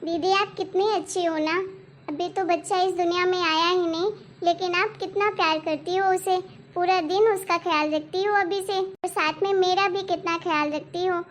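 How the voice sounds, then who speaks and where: A woman voicing a gentle young pregnant second wife in a cartoon story, speaking softly and fondly. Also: very high-pitched, fairly even intonation, moderate pace, a little hiss or hum. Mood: affectionate. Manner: soft, affectionate.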